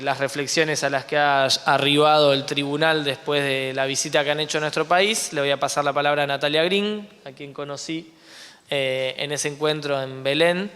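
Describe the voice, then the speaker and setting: Legislator host, man, bright higher voice, measured intro. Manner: measured, hesitant with fillers. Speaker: legislator hosting a hearing. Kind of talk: formal introduction. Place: legislative chamber hall. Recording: long hall reverb.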